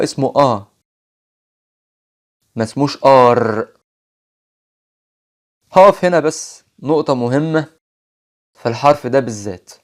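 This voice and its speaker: Egyptian male teacher, mid-pitched, patient, drills English words one by one. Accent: Egyptian Arabic. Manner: patient, repeats example words slowly. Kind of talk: phonics lesson.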